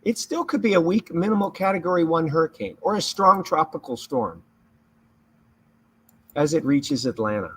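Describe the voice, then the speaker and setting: A man with a somewhat high voice hosts a live storm broadcast. He talks through the radar in an emphatic, explanatory way, repeating key points as he goes. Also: expressive, normal speed, husky. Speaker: severe weather livestreamer. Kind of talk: live hurricane commentary over radar.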